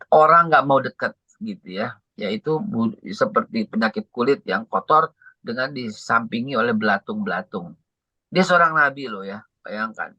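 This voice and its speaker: A man's voice: mid-range voice, dry recording, poor audio. A middle-aged man gives a casual sermon, telling stories with lots of repetition and the odd chuckle. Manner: lively storytelling with repetitions and chuckles. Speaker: preacher.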